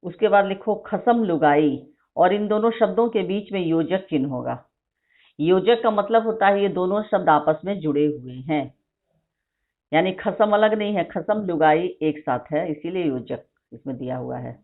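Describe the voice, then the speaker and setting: A woman teacher dictating a vocabulary list to her class, repeating each word slowly and explaining spelling. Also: fairly low pitch. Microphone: phone recording of an online class. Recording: tinny phone-like screen recording.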